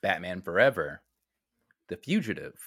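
A man in a comedic podcast chat, running a quiz game with easy jokes. His voice is low-pitched and bright, and the sound is close and dry. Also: very animated, moderate pace, dry recording. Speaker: podcast co-host and quizmaster. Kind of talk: casual comedic podcast banter.

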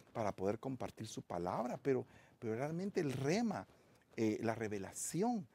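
A pastor delivers a sermon in a gravelly, mellow voice. His pitch swings widely as he builds emphasis and speaks straight to his listeners as brother. He is a man who preaches with steady conviction.

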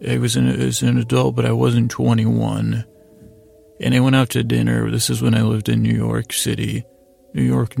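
A middle-aged American man hosts a bedtime podcast, drifting hesitantly through a monologue meant to lull listeners to sleep in soothing tones. His medium-pitched voice carries vocal fry and a slightly mellow warmth.

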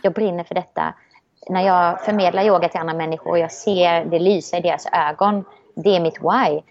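As a guest in a relaxed conversation, a woman with a fairly low, steady voice reflects optimistically, often starting her thoughts over. The audio comes across somewhat dull.

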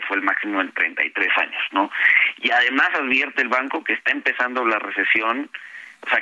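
A man's voice: fairly low pitch, bright, forceful tone, lo-fi sound. A man with a Mexican accent, a portfolio manager explaining interest rates in a radio interview, often ending points with a questioning tag. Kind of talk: financial interview.

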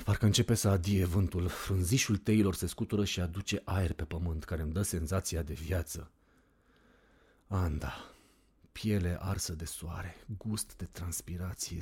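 A man's voice: deep voice, dark tone, breathy edge. A man reading an audiobook in the first person, telling the story expressively. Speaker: narrator.

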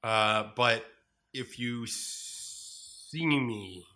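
Brief: male podcast guest, improv performer, bright sharp voice, hesitant and giggly. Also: mid-range voice, very slow. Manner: rambling, laughing, hesitant with many uhs. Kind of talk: casual chat.

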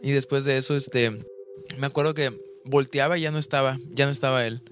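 A man's voice: mid-range voice, steady tone, a little fast, fairly bright tone, faint music behind. A young man co-hosting a podcast, chatting casually with many restarts and fillers. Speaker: podcast co-host. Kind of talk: casual chat.

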